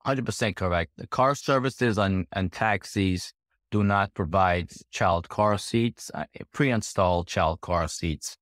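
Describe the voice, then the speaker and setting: Low-voiced Guyana-born man, casual guest. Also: slow, no room sound, clean studio sound. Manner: relaxed, repeats "right?" and laughs easily. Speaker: guest entrepreneur. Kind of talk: casual interview answers.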